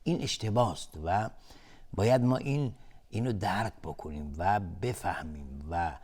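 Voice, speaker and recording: Low-voiced man teaching Quran recitation. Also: darkish tone. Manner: patient step-by-step explaining, slowly drawing out recited examples. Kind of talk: televised recitation lesson.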